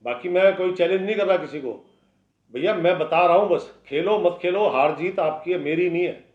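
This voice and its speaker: A man's voice: high-pitched, moderate pace. A man giving a daily horoscope as an astrologer, talking bluntly and warning listeners in a conversational, lecturing way. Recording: echoey room, dull lo-fi sound.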